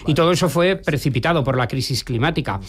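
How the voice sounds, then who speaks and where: Man giving a steady voice-over interpretation. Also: a little high, fast, a crowd in the background.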